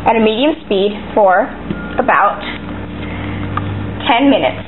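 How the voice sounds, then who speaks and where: A woman's voice: mid-range voice, expressive, slow pace. A woman presenting a homemade cooking demonstration, bossily giving instructions and scolding her helper. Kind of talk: homemade cooking demo chat. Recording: tinny lo-fi home camera with clear noise.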